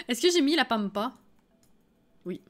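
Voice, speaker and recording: A woman's voice: fairly high pitch, a bit bright. A woman streaming a life-sim game, chatting casually with her viewers, laughing often and reading chat messages aloud. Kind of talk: casual live-stream chat while playing.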